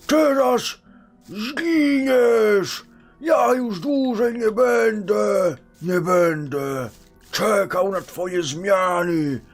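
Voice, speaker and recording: A foul-mouthed giant , played by a man, bellows in outrage with a gravelly, high, slow voice. He swears constantly in a crude parody dub, faint music under him. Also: expressive, full character voice. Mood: outraged shouting. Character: loud crude male giant Hagrid parody.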